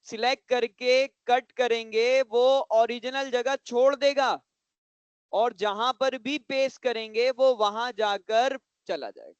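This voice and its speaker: A man teaches a computer class to children, pausing often to check that everyone understands and going back over each step. His voice is high, smooth and resonant. The sound is dry and close, with no room echo. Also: steady tone. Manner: repeats points slowly and patiently.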